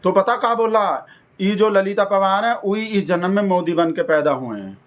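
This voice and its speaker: A man's voice: sits high, moderate pace. A man delivering a rambling, folksy satirical comedy monologue. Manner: folksy, rambling, keeps addressing the listener as brother. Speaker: comic persona host.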